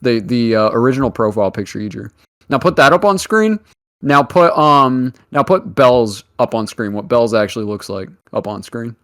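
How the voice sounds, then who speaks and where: A male streamer joins a casual podcast and talks at an ordinary pitch. He teases his co-host constantly and keeps the tone jokey, often bursting into laughter. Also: lively intonation, moderate pace, a bit bright. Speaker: guest streamer. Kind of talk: casual chat.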